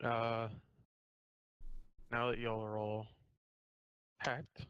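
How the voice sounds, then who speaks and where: A man's voice: mid-range voice, completely flat delivery, extremely slow, fairly bright tone, clear, resonant tone, no room sound, muffled recording. Sweary, rambling male game master. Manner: loose, rambling, sweary narration. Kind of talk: narrating a tabletop game.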